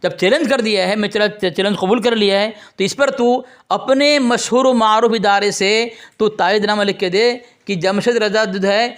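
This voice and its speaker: A man's voice: high-pitched, fairly even intonation, moderate pace, few pauses, fairly bright tone. A man in a heated religious debate, combative and accusing, who keeps turning to address his listeners.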